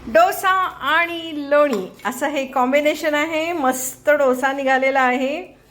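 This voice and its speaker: A middle-aged woman with a bright, high voice talks casually from her home kitchen. She hosts a cooking channel in a chatty, playful way and teases her viewers with light laughter. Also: slow.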